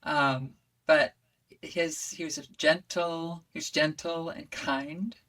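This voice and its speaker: A woman voice coach speaking as a guest in an interview, talking reflectively and expressively, swooping high when she acts out voices. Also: fairly even intonation, slow pace, fairly bright tone, recorded from a distance.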